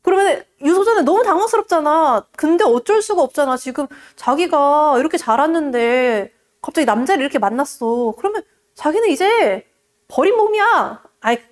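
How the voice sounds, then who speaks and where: A woman teaching Korean literature in an exam-prep lecture, retelling a classic tale in a lively, casual way. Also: sits high, moderate pace.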